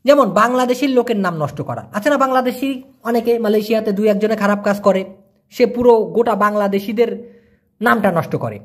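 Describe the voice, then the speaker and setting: A man from Bangladesh, giving a casual language lesson and patiently repeating words slowly piece by piece. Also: high-pitched. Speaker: language teacher.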